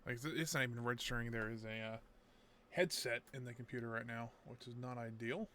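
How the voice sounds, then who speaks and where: A man's voice: mid-range voice, steady tone, fairly quick, pushed and bright, slight background noise. A man streaming a game over livestream headset audio, chatting casually and rambling to himself as he sorts out his setup. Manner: rambling, talks to himself while fixing things. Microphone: gaming headset mic on a livestream.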